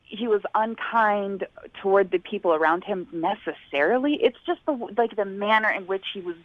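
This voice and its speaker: Over a muffled, band-limited phone line, a woman with a medium-pitched voice joins a radio segment as a phone-in guest. She speaks at a moderate pace, candid but careful, hedging and hesitating as she tells her story; the recording is dry.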